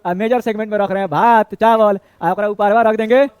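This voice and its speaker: High, clear-voiced maths teacher. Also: male voice, fairly even intonation, a little fast, darkish tone, no room sound. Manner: chatty, scolds and jokes with students, mixes Bhojpuri words. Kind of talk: classroom lesson.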